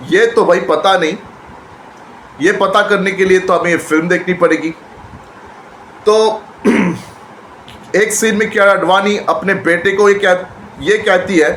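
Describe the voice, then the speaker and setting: High-voiced man recapping a trailer. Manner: excited retelling with repetitions and restarts. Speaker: movie trailer reviewer. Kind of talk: casual trailer reaction. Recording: echoey room with faint background noise.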